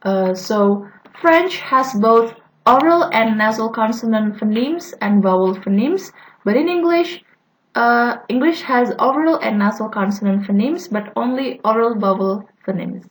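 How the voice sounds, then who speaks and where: Halting young woman giving a class talk. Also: a little high, lively intonation, rough recording. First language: Indonesian. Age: young adult. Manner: halting, with frequent "uh" fillers and restarts. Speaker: student presenter. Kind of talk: class presentation on phonetics.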